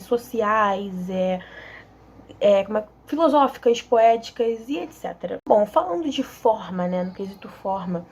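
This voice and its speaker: A woman's voice: fairly high pitch, warm tone, slightly rough. A young woman with a Brazilian accent giving a casual online literature lesson, hesitant and full of fillers and restarts. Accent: Brazilian Portuguese. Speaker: student volunteer teacher.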